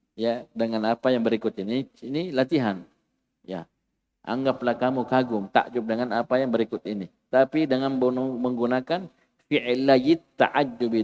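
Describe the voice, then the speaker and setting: A man teaching an Arabic grammar lesson in a classroom, lively and animated, acting out exclamations for his students. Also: mid-range voice, in a large hall. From Indonesia.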